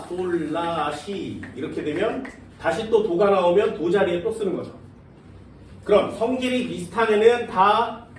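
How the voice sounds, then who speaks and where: A man teaching science to a class, often checking whether students follow. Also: sits high. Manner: questioning students often, casual banmal mixed with polite speech. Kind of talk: classroom lecture. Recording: echoey classroom from far off, faint noise.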